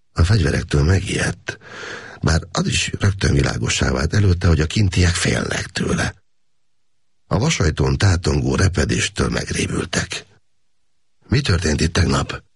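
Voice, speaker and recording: Very deep, gravelly male narrator. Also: dry recording, studio quality. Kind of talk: audiobook narration.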